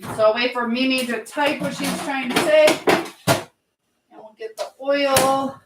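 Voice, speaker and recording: In an echoey kitchen with background noise, a woman with a high voice speaks slowly as she cooks and hosts a casual live stream. She chats informally with viewers, giving advice, reading their messages aloud and questioning them.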